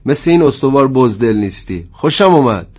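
A man voicing a brutal giant guard who taunts his prisoners in a rough, harsh voice. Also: mid-range voice, expressive, darkish tone, lightly acted. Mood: taunting. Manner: sneering, taunting. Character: brutal giant armed male guard, mocking.

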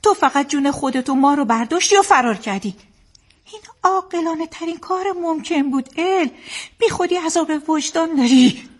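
A woman's voice: high-pitched, animated. An actress playing a loving wife and mother who soothes and firmly reassures her troubled husband, in a dubbed drama. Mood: comforting. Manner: soothing, firm. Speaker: dubbing actor.

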